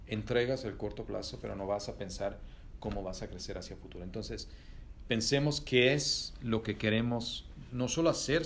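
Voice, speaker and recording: Gravelly man, thoughtful. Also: fairly low pitch, slight background noise. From Italy. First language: Italian. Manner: thoughtful, pauses with many fillers and restarts. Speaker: company executive, interview guest. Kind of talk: reflective interview answers.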